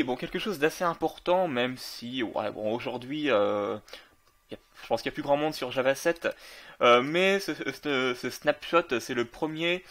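A man's voice: on the high side, fairly bright tone. Hesitant man commenting on a game. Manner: hesitant, many fillers and self-corrections. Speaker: gaming video creator.

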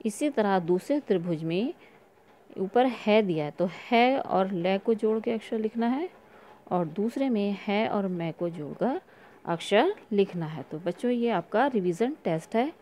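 A woman teacher leads a recorded lesson for young pupils. Her voice is mellow and unhurried. She reads each word slowly and plainly so the children can follow along. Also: mid-range voice, lively intonation, slight background noise. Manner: slow, clear word-by-word reading for young children. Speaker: school teacher. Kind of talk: recorded online class lesson.

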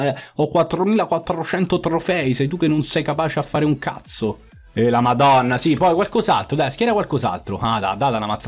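A gaming YouTuber gives live commentary on his own mobile game match, swearing often and repeating phrases in frustration. His voice is medium-pitched with a breathy edge.

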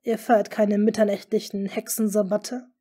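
A woman reading a sly, smooth-talking duke. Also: mid-range voice, flat delivery, dark tone, natural voice. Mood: scheming. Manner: smooth, measured. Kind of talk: audiobook character reading.

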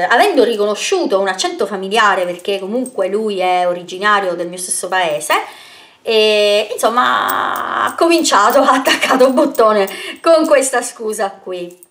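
A woman's voice: on the high side, a bit bright. A woman beauty vlogger answering viewer questions in a casual Q&A video, chatty and rambling, sending kisses and pet names to her followers. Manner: rambling with frequent fillers and self-corrections.

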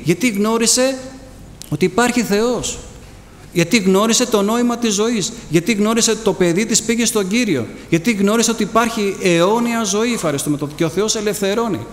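A middle-aged man preaches with fervour, pressing his listeners with rhetorical questions and repeated thanksgiving. His voice sits high for a man. The recording carries the long echo of a hall, with a faint background noise underneath. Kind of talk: sermon with personal testimony.

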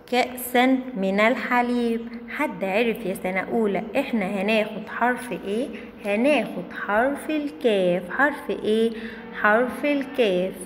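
A woman with an Egyptian Arabic accent teaching young children to read, stretching syllables out slowly and answering her own questions. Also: a little high. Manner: slow drawn-out syllables, asks and answers herself. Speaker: primary school Arabic teacher. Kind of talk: children's reading lesson. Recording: echoey room with faint background noise.

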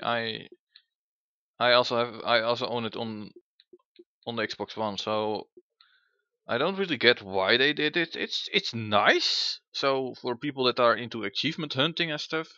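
A man's voice: medium pitch, pushed and bright, no echo. A man giving casual gameplay commentary as the host, plain-spoken and given to mild swearing. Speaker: gaming host. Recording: dull, band-limited mic over music.

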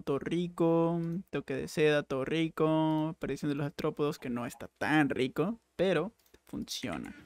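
Young guy rambling over minecraft, kinda gravelly, slow talker, dry close mic. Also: on the high side, dry recording. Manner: chatty, jokey, bursts of excited exclaiming. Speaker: gaming YouTuber. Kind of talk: casual Minecraft let's play commentary.

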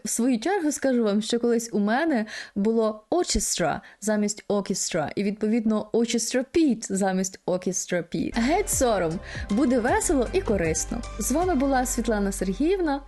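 Female english tutor, fairly high mellow voice, patient explainer. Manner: patient, explanatory, frequent hesitation sounds. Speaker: English teacher. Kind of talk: explaining an online language lesson.

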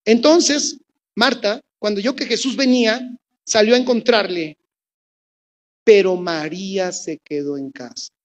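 A woman with a Mexican accent preaching a sermon, telling the story in a lively way and asking the congregation questions. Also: medium pitch, measured pace.

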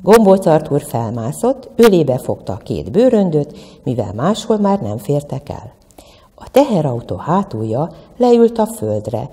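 Museum lady reading a kids story, low gravelly voice, echoey room. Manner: expressive, lilting storyteller. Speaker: museum educator. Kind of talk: storytelling for children.

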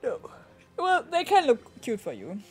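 A woman streaming a game, chatting casually, excitable and swearing freely as she reads game text aloud. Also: a little high, a little slow, husky. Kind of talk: casual gaming chat. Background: faint game music.

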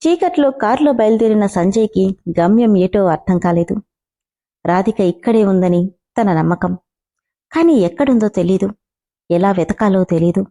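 A woman narrating a serial story calmly, addressing her listeners directly. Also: medium pitch, normal speed.

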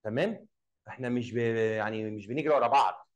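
A man with an Egyptian accent teaching an English lesson to a class. He drills short phrases slowly, repeats them and quizzes his pupils. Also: mid-range voice, lo-fi sound. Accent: Egyptian Arabic.

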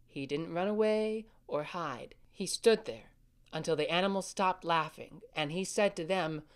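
A family audio drama features an actor as a loving older brother, settling his little sister down with a bedtime story. The voice sits fairly high and flows smoothly, never rushing.

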